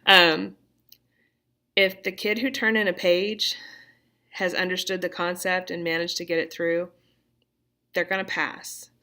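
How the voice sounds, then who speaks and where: Bright-voiced woman teacher, reassuring. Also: on the low side. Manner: chatty and reassuring, laid-back. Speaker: middle school teacher. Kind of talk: casual talk to parents. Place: classroom.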